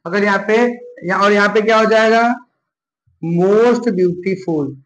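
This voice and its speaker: A man teaching an English grammar live class, slowly repeating each point and asking questions he answers himself. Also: high voice, little pitch movement, bright, forceful tone. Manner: slow and repetitive, asks and answers his own questions. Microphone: live class recording. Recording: echoey room with faint noise.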